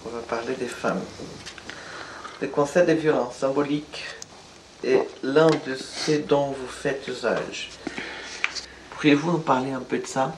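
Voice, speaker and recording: A man's voice: mid-range voice, steady tone, unhurried, long pauses. A man conducting an interview, asking questions in a courteous, formal way. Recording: echoey room with clear noise.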